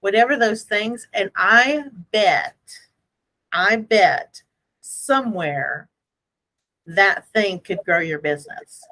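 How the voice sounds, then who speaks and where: A woman hosting a casual motivational business chat in an animated, playful, self-deprecating way, repeating phrases for emphasis. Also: mid-range voice, slow, poor audio. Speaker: host.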